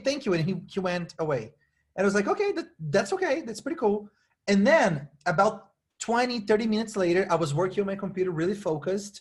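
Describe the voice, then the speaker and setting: A man co-hosting a podcast, telling a story from his own life in a loose, conversational way. He acts out the dialogue as he goes. He stumbles and repeats words often. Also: fairly high pitch. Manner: animated storyteller acting out dialogue with many restarts. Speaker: podcast co-host. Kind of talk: storytelling in casual podcast talk.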